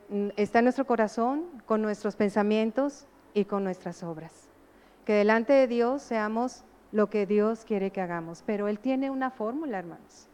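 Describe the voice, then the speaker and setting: Earnest woman preacher, smooth voice. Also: on the high side, long reverb tail. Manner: earnest, asks the congregation rhetorical questions. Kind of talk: sermon.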